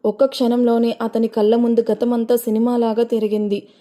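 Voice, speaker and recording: A woman narrating a dramatic audio story in a measured, storytelling manner. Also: on the high side, flat delivery, mellow.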